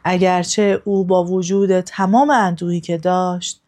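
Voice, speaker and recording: A woman narrating a serialized historical story, reading calmly and evenly with clear expression. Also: lowish voice.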